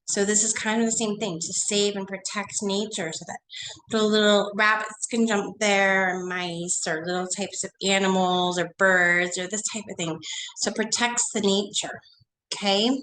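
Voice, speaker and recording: Nasal and losing her voice from a cold, a woman teacher chats her way through an online read-along, coaxing her students and putting questions to them. Her voice is medium-pitched and a bit bright, with fairly even intonation at a normal pace. The recording is low quality, with a faint hiss underneath.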